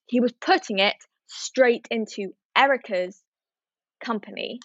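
A woman's voice: on the high side, unhurried, no echo. A woman telling a story in casual chat, acting out what people said. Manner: animated storytelling, acting out quotes. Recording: dull, dry, slightly lo-fi sound.

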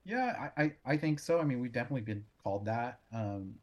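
A man being interviewed as a brewer, explaining casually in a halting way as he searches for words. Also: mid-range voice, expressive, a little mellow, muffled recording.

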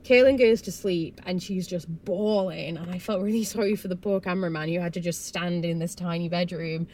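A woman's voice: fairly low pitch, fairly even intonation, fairly quick, a little mellow, a little hiss or hum. A young woman, casually recapping a reality show with sarcastic asides and frequent "like"s. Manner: chatty, sarcastic asides, lots of "like".

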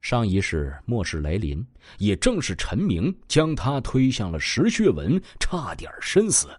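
A man narrating a novel, his voice low and husky. He tells it expressively, with a very wide, lively pitch range, over faint music. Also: unhurried, no room sound, clean studio sound. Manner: expressive storytelling. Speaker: audiobook narrator. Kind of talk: scripted narration of a web novel.

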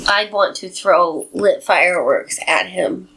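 A woman's voice: lowish voice, slow, vocal fry, pushed and bright, rough recording. A woman playing in a tabletop game, casually asking about rules and her character's actions. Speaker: player.

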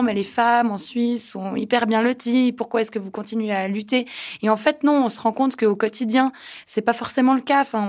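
Brief: young woman interviewee, indignant, halting with fillers. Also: fairly high pitch, darkish tone. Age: young adult. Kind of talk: spontaneous interview answer.

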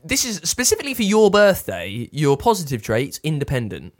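A man's voice: on the high side, wildly swooping pitch, a little fast, dry recording, clean studio sound. A man co-hosting a podcast, bantering casually in a blunt, teasing, sweary way as he reads things out. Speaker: podcast co-host. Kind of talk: casual banter, reading out and commenting.

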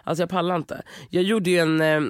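A man's voice: on the high side, flat delivery, smooth, no room sound, studio quality. A young man, co-hosting a podcast and chatting in an exasperated, casual way. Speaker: podcast co-host. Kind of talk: casual chat.

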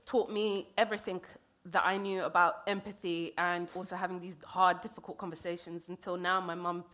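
A woman's voice: on the low side, flat delivery, fairly quick, a bit bright. A woman, a poet talking reflectively in an interview. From England. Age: 30s. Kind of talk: conversational interview.

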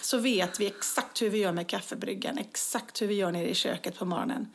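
A woman trades stories in casual conversation. She jumps into voicing her own past reactions, and her voice sits at a middle pitch for a woman. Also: vocal fry, slight background noise. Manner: lively storyteller, acts out own quotes. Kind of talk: casual chat, telling anecdotes.

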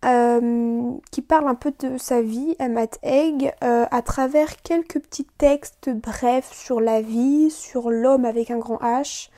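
Young woman, high mellow voice, loose chatty podcast host with lots of fillers. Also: fairly even intonation, slow, few pauses. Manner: chatty, many fillers and restarts. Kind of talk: casual solo podcast chat.

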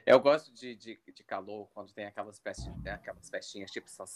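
A man's voice: on the low side, brisk. A man chatting casually among friends, joking and laughing often. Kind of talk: casual chat.

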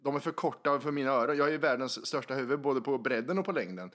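A man's voice: mid-range voice, lively intonation, a bit bright. A man in casual chat who gives short replies and makes dry, teasing remarks.

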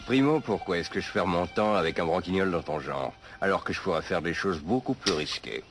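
An actor dubbing a tough, wisecracking action-movie cop with dry, sarcastic threats, in a French film dub. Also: male voice, sits low, lively intonation, a little fast. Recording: film clip over loud music.

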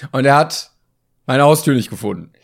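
Animated man telling a funny story. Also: medium pitch, moderate pace, creaky. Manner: animated, acts out dialogue with shifting voices. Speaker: podcast co-host. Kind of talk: casual comedic storytelling.

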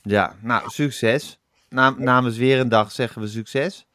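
A man's voice: medium pitch, fairly even intonation, slow, bright, forceful tone. A man co-hosting a podcast in casual chat, agreeable and playful. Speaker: podcast co-host.

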